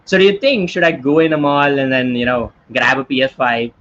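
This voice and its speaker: A young Indian man in his twenties teaches an online workshop with a bright, forceful voice. He tells stories in a chatty way and keeps checking in with his listeners. The audio sounds dull and lo-fi, like a stream from a computer mic, with a faint hiss behind it. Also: medium pitch, brisk. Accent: Indian English. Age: 20s. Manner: chatty, animated storytelling with many tag questions. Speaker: workshop instructor.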